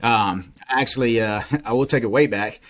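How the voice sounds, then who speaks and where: A man in his forties, from the Bahamas and raised in Florida, co-hosting a podcast and talking in a measured, reflective way. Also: medium pitch, a bit bright, slight background noise. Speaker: podcast co-host. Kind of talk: casual podcast conversation.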